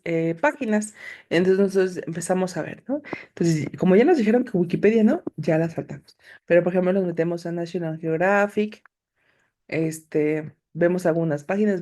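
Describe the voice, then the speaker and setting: In a recorded online class with a screen demo, a woman speaks in a soft, mellow, lowish voice. She talks straight to her students, patiently explaining every step.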